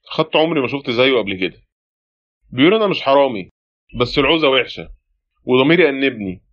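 A man's voice: mid-range voice, natural voice. An actor playing a blunt, sceptical male Egyptian police brigadier in a radio play, insistent and dismissive. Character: brusque, sceptical male police brigadier, pressing his case. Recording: dull lo-fi audio.

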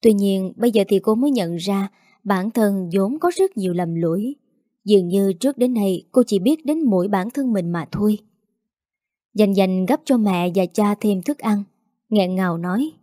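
Woman reading a story aloud, mellow dark voice, dry close sound. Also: mid-range voice, normal speed, dry recording. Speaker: narrator. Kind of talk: scripted story narration.

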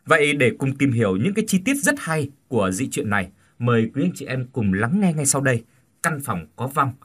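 A man's voice: medium pitch, very animated, fairly quick, fairly bright tone, husky. A man, host of a story channel, formally and politely introducing a tale.

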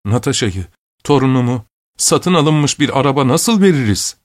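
A man voicing an elderly, drowsy prince and grandfather who rouses into indignant shouting in an audiobook. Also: medium pitch, lively intonation, normal speed, no echo, clean studio sound, voice pushed up, lightly acted. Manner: startled, indignant.

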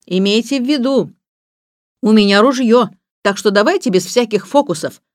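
Lady doing a bossy gruff gamekeeper, barks orders, dry close sound. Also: a little high, moderate pace, dry recording, voice pushed up, natural voice. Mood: commanding. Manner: gruff, commanding. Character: stern middle-aged village gamekeeper with a gun.

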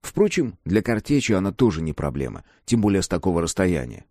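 A man with a low voice reads a first-person audiobook, his pitch rising and falling widely as he tells it. The sound is dry and close, with no room echo. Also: a little fast. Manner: expressive, lively reading. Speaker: audiobook narrator.

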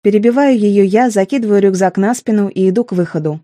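Woman narrator for a first-person audiobook; intimate, emotional read, mellow tone, dry. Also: medium pitch, fast talker, dry recording.

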